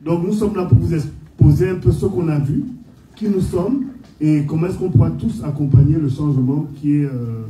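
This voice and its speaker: A man from Gabon speaks to a community gathering, earnest and formal but hesitant, stumbling through fillers. His voice is slightly high yet dark in tone. It is caught from far off in a roomy, echoing hall with faint ambient noise. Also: moderate pace. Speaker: political activist addressing the diaspora. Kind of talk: public speech at a community gathering. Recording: echoey room, from far off, faint background noise.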